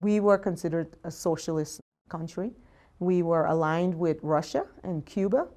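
Deep mellow woman. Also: normal speed. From Guyana. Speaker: interviewee. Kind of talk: interview testimony.

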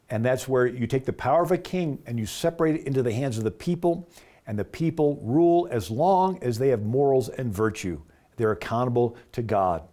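A man's voice: mid-range voice, dark tone. A man narrating as host, earnest and explanatory, dropping his voice at the ends of phrases.

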